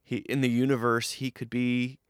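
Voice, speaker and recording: A man's voice: medium pitch, little pitch movement, normal speed, smooth, dry recording, studio quality. A man hosting a comedy trivia podcast, bantering playfully in a theatrical, swooping manner. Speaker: podcast host.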